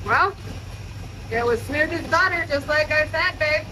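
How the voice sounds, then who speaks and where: A woman's voice: sits high, measured pace, sharp tone, a little hiss or hum, low-quality recording. A woman making casual, informal conversation as a companion behind the camera. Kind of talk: casual chat.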